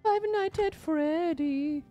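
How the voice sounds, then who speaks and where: A woman's voice: sits high, slow pace, mellow, soft background music. A woman streaming a game as host, chatting casually with a giggly, rambling manner full of fillers. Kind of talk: casual gaming chat.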